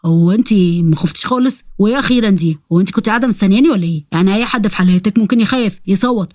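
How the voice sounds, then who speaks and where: A woman's voice: mid-range voice, racing, a little mellow, no echo, close to an everyday voice. A woman voicing an exasperated young male demon with an Egyptian accent, in a spoken story. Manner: indignant, exasperated.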